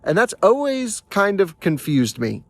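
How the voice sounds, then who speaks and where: A man's voice: high-pitched, wildly swooping pitch, unhurried, dry recording. A man hosting a casual explainer vlog, chatty and restarting words, talking through the hiccups. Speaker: channel host.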